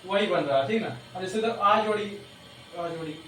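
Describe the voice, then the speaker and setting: A man whose voice sits high and a bit bright explains a grammar lesson to his students one step at a time. He keeps asking "ठीक ना" to check they follow and occasionally laughs at himself, captured on a distant mic in an echoey room with faint noise.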